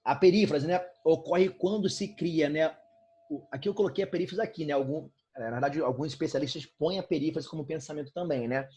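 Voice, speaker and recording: A Brazilian man with a somewhat higher, slightly husky voice teaches an online class from his bedroom. He talks loosely and conversationally, tagging nearly every phrase with a quick check-in to his students. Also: dark tone. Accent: Brazilian Portuguese. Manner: casual, fillers like "né, cara?" and "tranquilo?". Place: bedroom at home.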